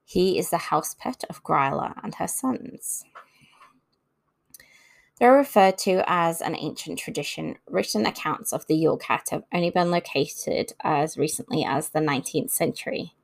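Reading from notes with casual asides, a woman hosts an informal scripted talk on folklore. She speaks at a moderate pace in a low-pitched, gravelly voice.

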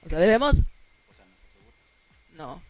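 A woman's voice: fairly low pitch, big pitch swings, slow pace. A woman with a Mexican accent co-hosting a talk show, bantering playfully and laughing often.

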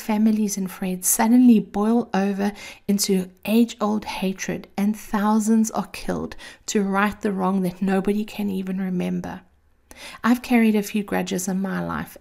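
Sultry, creaky-voiced woman host. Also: medium pitch, mellow. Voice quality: sweet, creaky. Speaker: host of a daily encouragement series. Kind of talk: scripted motivational monologue.

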